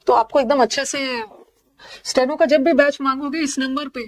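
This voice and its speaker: A woman's voice: high voice, fairly even intonation, normal speed. A woman with an Indian accent teaching English synonyms in a live online class, explaining each word with jokes and memory tricks.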